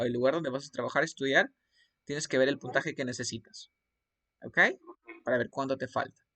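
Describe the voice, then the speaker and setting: With a mid-range, fairly bright voice, this native Spanish speaker runs an online English test-prep lesson through screen share. He walks through the material step by step and frequently checks on how the student is doing.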